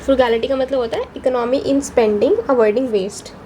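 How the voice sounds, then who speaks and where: A woman's voice: sits high, fairly even intonation, unhurried, mellow, slight background noise, low-quality recording. A young woman teaching exam vocabulary with mnemonic tricks, explaining patiently. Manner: explains patiently, repeats "ठीक है" between points.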